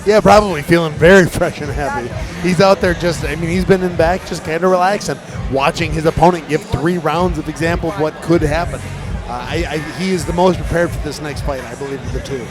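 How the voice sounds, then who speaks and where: A man's voice: fairly high pitch, brisk. A man giving conversational live fight commentary as an analyst. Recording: loud music and crowd noise.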